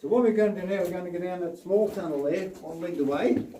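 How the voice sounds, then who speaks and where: A man's voice: high-pitched, fast talker, warm tone. A man working as a mine tour guide, explaining step by step in a demonstrative way inside an underground tunnel, recorded at some distance on a camera mic. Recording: echoey, noisy tunnel, voice off from mic.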